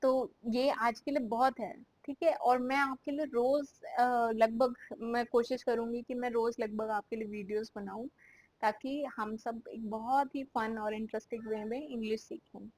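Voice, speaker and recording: A woman with a fairly high voice teaches English idioms through Hindi explanations. She says each example sentence slowly and with careful spacing. The sound is dry and close, with little room echo. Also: fairly even intonation, darkish tone.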